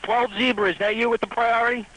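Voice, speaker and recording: A man's voice: very high-pitched, flat delivery, quick pace, sharp tone. A man working as an emergency dispatcher, giving procedural directions over a two-way radio. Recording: slightly noisy emergency radio channel. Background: radio noise.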